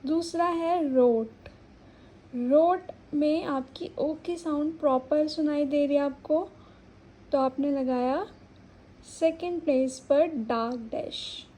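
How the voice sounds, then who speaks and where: A young woman with a high, warm voice teaches a shorthand lesson at a slow pace. She patiently repeats words so each vowel gets sounded out as she explains stenography. The audio quality is poor.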